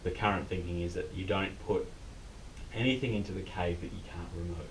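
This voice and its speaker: Male Australian cave tour guide, low register, casual and explanatory, recorded at a distance with some rumbling noise. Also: steady tone, fast talker. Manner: informal, unscripted explaining. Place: inside a limestone cave. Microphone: distant camera mic.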